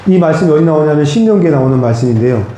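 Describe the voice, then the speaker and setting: A man's voice: on the high side, lively intonation, very fast, crowd noise. A man preaching a sermon as pastor, earnest and direct, speaking plainly to his congregation. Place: church sanctuary. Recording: very echoey church hall.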